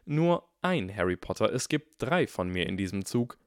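A man's voice: on the low side, sing-song, normal speed, no echo, clean studio sound. A man voicing a clever, cheeky young schoolboy with a wry, theatrical way of talking in a storybook reading.

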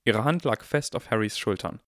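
A man reading an audiobook in calm, measured scripted narration. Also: on the low side, dry recording, studio quality. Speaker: audiobook reader.

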